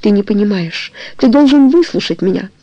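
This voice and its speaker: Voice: mid-range voice, lively intonation, normal speed, mellow, no room sound, lightly acted. A reader voicing a young woman who pleads with her lover and confesses her past in a trembling voice. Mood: pleading. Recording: dull lo-fi recording.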